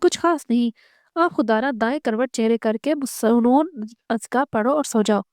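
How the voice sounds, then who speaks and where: A woman's voice: a little high, moderate pace, a little mellow, no room sound, studio quality, close to an everyday voice. Woman reading as a teasing young husband. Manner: playful, flowery and indulgent.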